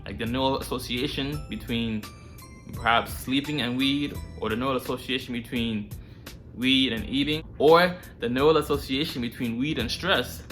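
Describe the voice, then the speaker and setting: Bright-voiced man giving casual, slangy advice. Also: medium pitch, moderate pace, soft background music. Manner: slangy, informal. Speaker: host of a self-improvement video series. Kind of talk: casual direct-to-viewer advice talk.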